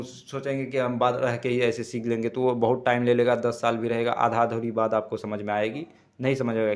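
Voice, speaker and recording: A man teaching basic words in a casual spoken lesson, halting and correcting himself, repeating each word slowly. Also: medium pitch. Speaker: language teacher. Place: Tamil-speaking region.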